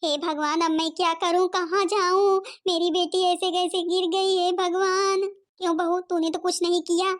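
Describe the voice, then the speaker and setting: A woman's voice: very high-pitched, flat delivery, moderate pace. A woman voicing an older mother-in-law in a cartoon, stern and threatening one moment, wailing the next. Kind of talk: cartoon voice acting.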